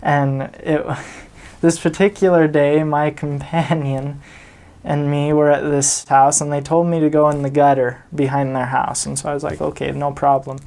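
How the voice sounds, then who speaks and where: Gravelly young man telling travel stories. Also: on the high side, little pitch movement, normal speed, darkish tone. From United States. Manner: chuckles often while recalling anecdotes. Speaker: vlogger. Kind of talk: casual storytelling.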